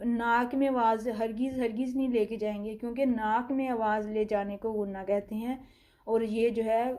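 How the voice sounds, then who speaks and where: A woman with a Pakistani Urdu accent teaching tajweed step by step. She draws out letter sounds slowly, then explains them calmly. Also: on the high side. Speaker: Quran recitation teacher. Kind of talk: slow step-by-step tajweed lesson.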